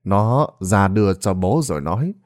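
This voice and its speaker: A man's voice: sits low, expressive, moderate pace, a little mellow. A man reading a ghost story aloud in a dramatic storytelling manner. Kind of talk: scripted narration.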